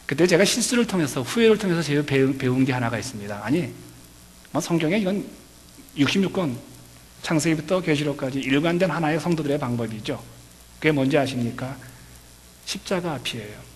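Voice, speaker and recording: Male pastor, fairly high voice, passionate sermon delivery in a reverberant hall. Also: lively intonation, a little fast. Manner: impassioned, building to loud pleading.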